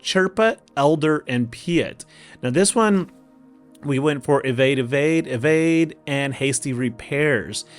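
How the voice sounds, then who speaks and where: A man's voice: fairly high pitch, slow pace. A man with an Oklahoma accent giving casual strategy commentary as host of a gaming video, talking to himself in a folksy way. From Oklahoma, United States. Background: music.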